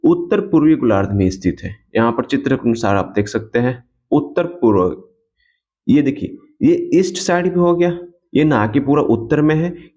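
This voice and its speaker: A man's voice: mid-range voice, darkish tone. A man teaching an exam coaching lecture, who repeats key points and asks and answers his own questions. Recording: dull lo-fi sound.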